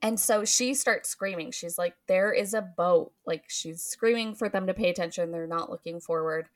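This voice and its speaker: A podcast host recaps a film's plot in casual chat, her voice fairly low and her pace moderate. She giggles often and fills her sentences with "um" and "like."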